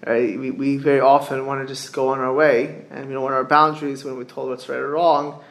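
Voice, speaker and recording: A middle-aged man with gives an informal religious sermon, haltingly repeating phrases and posing rhetorical questions. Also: mid-range voice, little pitch movement, a bit bright. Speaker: rabbi giving a religious class. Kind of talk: informal sermon, explaining texts with anecdotes. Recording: echoey room.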